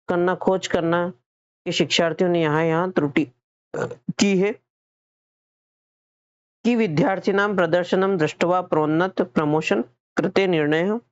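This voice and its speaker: A man's voice: high voice, smooth, no echo, highs cut off. A male teacher with a Hindi accent, explaining exam questions step by step, asking questions and answering them himself, often repeating and correcting his own words. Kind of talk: exam-prep lesson.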